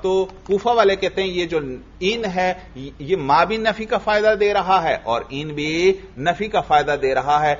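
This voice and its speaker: Man teaching grammar, lo-fi recording. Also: on the high side. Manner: reads Arabic text in a slow chant, then explains it, asking students questions. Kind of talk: classroom lesson explaining a text.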